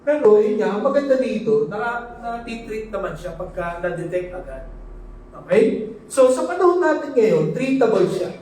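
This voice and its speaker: Man, preacher, sermon, high pitch, mellow tone, echoey hall, far from the mic. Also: big pitch swings, moderate pace, a little hiss or hum. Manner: mixes Tagalog and English, asks "no?" often. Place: church hall.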